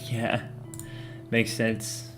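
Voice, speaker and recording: A laid-back player comments casually on a video game in short asides. The delivery is very unhurried, at a middling pitch, with faint music underneath. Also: monotone.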